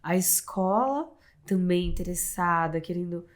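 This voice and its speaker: A woman with a somewhat low voice speaks as a health professional guest. She explains in a measured way and works through her points one by one. Her talk is steady and explanatory.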